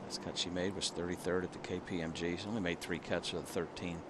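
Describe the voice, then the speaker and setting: A male golf commentator calls the play shot by shot in a fairly low voice. Noticeable outdoor ambient noise runs behind him. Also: fairly even intonation, fast talker. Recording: noisy outdoor background.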